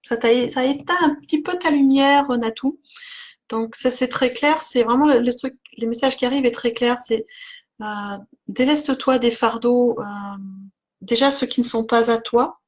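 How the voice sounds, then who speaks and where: A woman's voice: fairly high pitch, steady tone, normal speed. A woman giving an oracle card reading on a live stream, chatting with viewers by name, with lots of fillers and little laughs.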